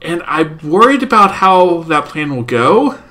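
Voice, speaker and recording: A man's voice: fairly high pitch, a little slow. A man co-hosting a podcast, chatting casually through his notes about an anime episode. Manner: talks through notes, steady and agreeable. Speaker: podcast co-host. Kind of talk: casual anime review chat.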